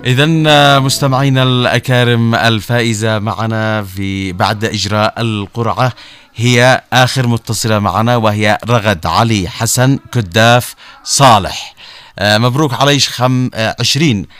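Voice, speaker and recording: A man with a Yemeni accent hosting a live radio quiz show in a hesitant, halting way. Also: mid-range voice, steady tone, fairly bright tone, clear, resonant tone, dry recording. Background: music.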